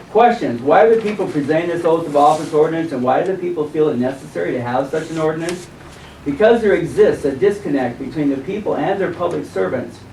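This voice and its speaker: A man's voice: mid-range voice, creaky, darkish tone. American man reading formally, roomy distant sound. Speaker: citizen presenter at a county commissioners meeting. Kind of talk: formal public statement read from prepared text. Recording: roomy, distant microphone, faint background noise.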